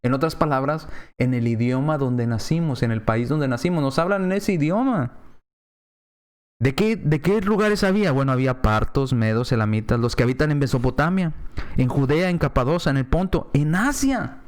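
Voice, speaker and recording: A man's voice: mid-range voice, lively intonation, moderate pace, darkish tone. A man with a Mexican accent preaching a sermon, reading Bible verses aloud and then explaining them with rhetorical questions to his congregation.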